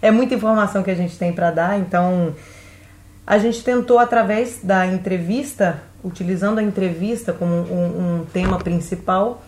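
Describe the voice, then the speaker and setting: A woman's voice: medium pitch, normal speed, darkish tone, roomy sound, a little hiss or hum. A Brazilian woman co-hosting a casual podcast, chatting and thinking aloud with frequent restarts. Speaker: podcast co-host.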